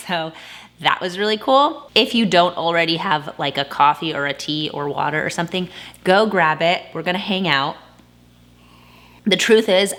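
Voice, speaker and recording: A woman in her thirties talks casually to her viewers in an upbeat, chatty way, slightly out of breath. Her voice sits low but sounds bright and forward, and she keeps the tone easy and friendly. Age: 30s. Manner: chatty, upbeat, frequent laughs. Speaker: vlogger. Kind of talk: casual chat to camera.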